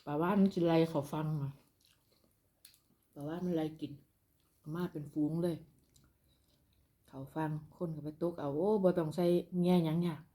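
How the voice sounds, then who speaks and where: This eating-show vlogger, a woman with a northeastern Thai Isan accent, chats casually with followers between bites. Her deep, mellow voice stays fairly even in intonation, moving at a moderate pace with long pauses.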